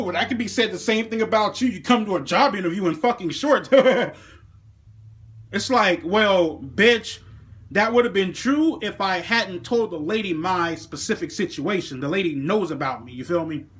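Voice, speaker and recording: High-voiced man on a swearing rant. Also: fairly bright tone. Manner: heated, swearing constantly, slips into mock voices for others. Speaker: vlogger. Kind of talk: profane storytelling rant.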